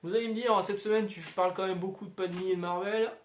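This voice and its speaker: A man hosting a casual comics chat, rambling and filling pauses with hesitant sounds. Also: sits high, fairly even intonation. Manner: rambling, many filler sounds. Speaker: comics video host. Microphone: standalone microphone. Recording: roomy echoey room.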